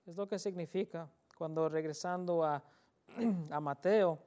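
Man preaching a sermon, high voice, earnest, repeats words, slows down for stress. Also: dark tone. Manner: switches into English for scripture. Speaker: pastor.

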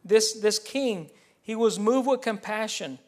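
A man's voice: high-pitched, takes it slowly. A man preaching a sermon as a pastor, explaining a passage and then repeating the point in a second language, earnest and teacherly, with hesitant fillers and restarts.

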